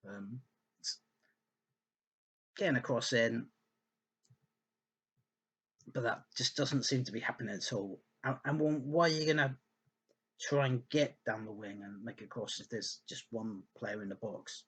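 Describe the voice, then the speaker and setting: Husky-voiced man rambling through football analysis. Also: mid-range voice, unhurried, pauses often. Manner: rambling, thinking aloud with many ums and restarts. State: hiccuping and burping. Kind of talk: casual spoken analysis over slides.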